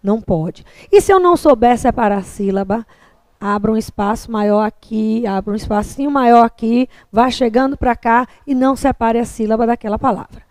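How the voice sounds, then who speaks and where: A woman's voice: a little high, normal speed, darkish tone, no room sound. Brazilian woman teacher, patient explainer. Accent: Brazilian Portuguese. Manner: patient, explanatory, frequent checks like "tá?". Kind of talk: classroom lecture on writing.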